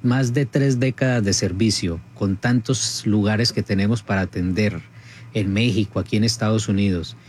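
A middle-aged man, a spiritual advisor guest on radio, speaking calmly and reassuringly. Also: fairly low pitch, moderate pace, a little hiss or hum. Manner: calm, reassuring. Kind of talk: radio talk.

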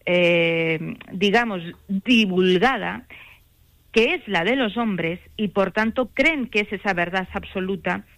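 A middle-aged woman from Spain, an author speaking as a guest in a radio phone interview, measured and earnest with some hesitations. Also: medium pitch, fairly bright tone, no echo.

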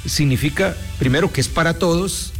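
A man from Guatemala, a sports show host, telling a story in a measured, casual way with many restarts. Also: on the high side, faint music behind. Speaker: sports commentator. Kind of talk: casual talk show chat.

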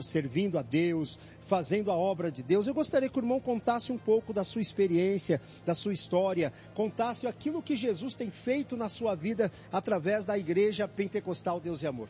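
Broadcasting live from church headquarters, a Brazilian evangelical radio host passionately invites his audience to attend church. He has a high-pitched, slightly mellow voice, and the recording is dull, lo-fi radio with faint background noise.

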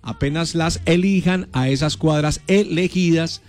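A man with a Colombian accent hosting radio, talking with energy in a sing-song, excitable way. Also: fairly high pitch, unhurried, soft background music. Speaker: radio host. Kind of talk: lively radio promo chat.

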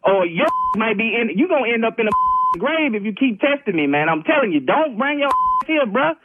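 A man on a phone line, taking a collect call from a prison, talking calmly and firmly and ending his sentences with "man". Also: very high-pitched, moderate pace. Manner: calm, firm, keeps calling the other man "man", laughs as he warns. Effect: heard over a phone line while taking a prison collect call. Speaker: prank call target. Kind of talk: phone conversation.

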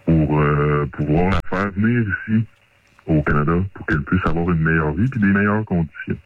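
A male caller speaks through a voice changer that drags his voice very low. It comes over a thin, narrow phone line and sounds husky. He talks haltingly, stopping often on fillers. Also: dry recording. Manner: hesitant, halting, many fillers. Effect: voice disguised, pitched down by a voice changer.

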